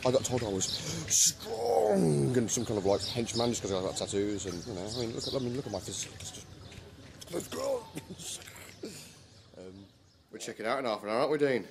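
A man's voice: medium pitch, very animated, a little fast, creaky. A young man filming a holiday vlog with friends, rambling and joking with plenty of swearing. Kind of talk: casual chat to camera. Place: holiday resort outdoors, later a car. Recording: noisy outdoor camera audio.

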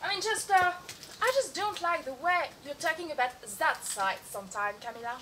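A woman's voice: sits high, animated, moderate pace, pushed and bright, slight background noise. A woman playing a cold, doubtful teenage girl on a raft who talks in a skeptical, sarcastic way. She performs on an outdoor garden stage. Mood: fussing.

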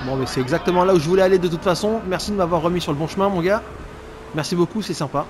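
This let's player's voice sits high and races along as he jokes with the game character he controls. His casual, animated commentary competes with loud game noise: sound effects, sirens and vehicles.

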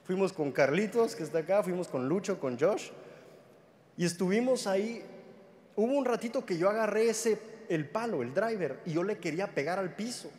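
A man's voice: sits high, lively intonation, moderate pace, darkish tone. A young man preaching a sermon, telling a story with humor and acting out the dialogue. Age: young adult. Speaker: pastor. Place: large church hall. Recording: reverberant hall with faint noise.

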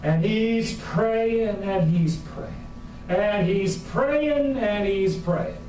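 A man in his forties preaching a sermon to a congregation, with folksy, humorous and animated storytelling. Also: high-pitched, extremely slow, a little hiss or hum. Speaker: pastor. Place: church sanctuary with a congregation. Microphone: far camera at the back of the room. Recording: very echoey church hall from far off.

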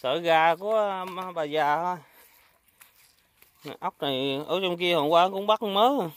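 Outdoors on a muddy pond bank, this southern Vietnamese-accented vlogger holds a phone and talks casually from behind the camera as he films shrimp and snail catching, frequently repeating short phrases. He sounds fairly high, a bit bright and unhurried, in a dry recording.

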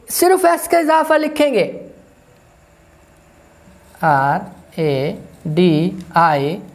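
A woman teaching an English grammar lesson, explaining slowly, repeating herself and spelling words out letter by letter. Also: a little high, a little mellow. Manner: slow, repetitive, spells out letters one by one.

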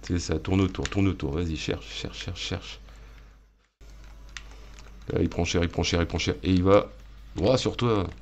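A man hosting a gaming video, joking and shouting at the game as he plays and talks to his viewers. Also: low-pitched, a little fast. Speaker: gaming channel host. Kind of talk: live let's-play commentary.

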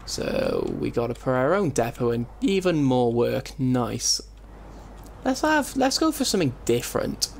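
Man, gameplay commentary, heavily compressed mic, keyboard clicks, self-mocking mutter, slow. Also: mid-range voice, huge pitch swings, gravelly, darkish tone, slight background noise. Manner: muttering to himself while building, self-mocking. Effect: heavily compressed mic, keyboard clicks audible. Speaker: let's play host. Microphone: desk mic with compressor. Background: keyboard typing.

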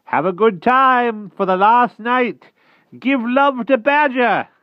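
A man voicing an old male wizard, a cheerful and fussy tutor who speaks in a brisk, raised voice. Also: mid-range voice, sing-song, no room sound, highs cut off, pitched above the performer's own voice, close to an everyday voice.

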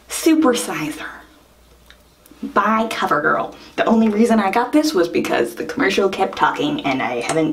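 A woman's voice: medium pitch, a little hiss or hum. A young woman from Ireland chatting casually in a makeup vlog, rambling and self-deprecating with frequent giggles. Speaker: vlogger.

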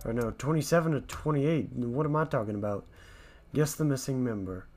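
A man playing along with a fan quiz video, thinking out loud and poking fun at himself. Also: medium pitch, a little fast, faint music behind. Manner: self-mocking, thinks out loud. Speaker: YouTuber reacting to a quiz. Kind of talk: casual quiz reaction commentary.

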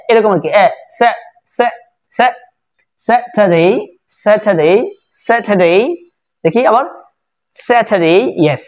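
Woman teaching pronunciation. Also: mid-range voice. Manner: repeats words slowly for drilling, explains step by step. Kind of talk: online pronunciation lesson.

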